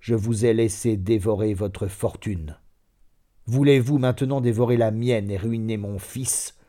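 A man reading an audiobook, voicing a dying, bitter old nobleman with a raspy voice who speaks slowly and coldly. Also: on the low side, mellow, natural voice. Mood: harsh. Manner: cold, slow, icily accusing.

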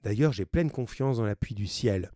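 A man's voice: lowish voice, expressive, moderate pace, warm tone, dry recording, studio quality, natural voice. A man reading the part of a determined, devoted young woman in a novel, with firm, pleading lines.

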